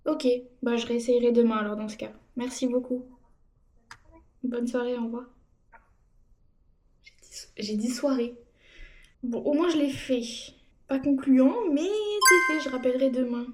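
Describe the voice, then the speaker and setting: Chatty, higher-voiced woman vlogging. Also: a little slow, long pauses. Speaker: small business vlogger. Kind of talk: casual vlog chat to viewers.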